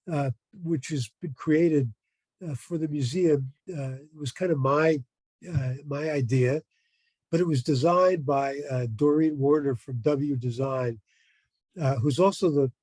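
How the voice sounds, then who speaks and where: A man giving an informal educational talk as a museum presenter, explaining things in a halting way. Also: on the high side, darkish tone, dry recording.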